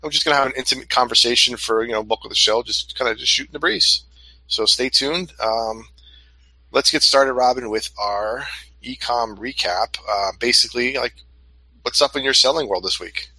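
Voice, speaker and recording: A man hosting a casual chat show from a hot room at home. His voice is very bright and forceful, and his talk is laid-back and conversational. The recording is dry. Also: mid-range voice, moderate pace, breathy edge, no room sound, poor audio. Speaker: host of an online reselling show.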